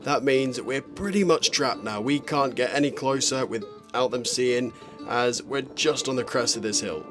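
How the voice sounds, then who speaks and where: Guitar music plays clearly behind a man's voice-over. He tells the story in the first person as a vlog narrator, at a medium pitch. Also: measured pace.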